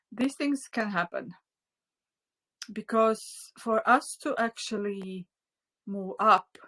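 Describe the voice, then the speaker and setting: A native Latvian speaker leads a live online spiritual class, talking unscripted in a middle-pitched voice that's soft and halting, full of fillers and restarts, sometimes dropping to near a whisper. It's captured on a phone mic in low quality.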